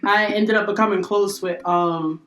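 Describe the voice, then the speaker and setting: A woman's voice: medium pitch, steady tone, moderate pace, a bit bright, echoey room, slight background noise. A young woman co-hosting a podcast, talking reflectively and casually with lots of "like" and "kinda". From United States. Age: young adult. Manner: reflective, heavy use of "like" and "kinda". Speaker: podcast co-host. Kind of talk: casual chat.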